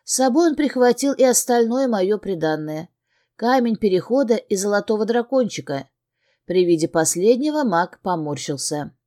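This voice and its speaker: A woman reads a first-person fantasy audiobook aloud. Her voice is mellow and warm, at a middle pitch, and her reading is expressive and emotionally engaged. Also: normal speed. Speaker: audiobook narrator.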